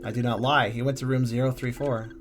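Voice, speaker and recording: A man reads the lines of a masked nurse woman who teases softly and answers in riddles, as in a game. The voice sits at a middle pitch. Faint music plays behind. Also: steady tone, fairly quick, natural voice. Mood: insistent.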